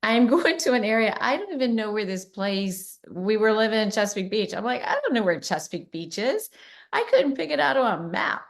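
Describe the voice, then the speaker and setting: A middle-aged woman hosting a casual chat, upbeat and quick to laugh, acting out little quotes as she tells stories. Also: fairly high pitch, very animated, gravelly. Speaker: host, real estate agent.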